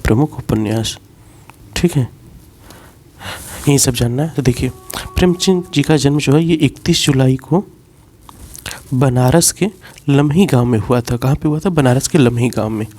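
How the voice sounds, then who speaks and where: A man's voice: mid-range voice, dark tone. A man teaching a class as a lecture, explaining step by step and repeating key points. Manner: explains slowly, repeats key points, mixes in English words.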